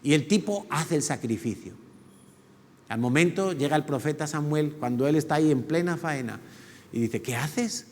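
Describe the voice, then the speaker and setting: A male pastor preaching a sermon, animated and acting out the voices he quotes. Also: on the high side, moderate pace. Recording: long hall reverb.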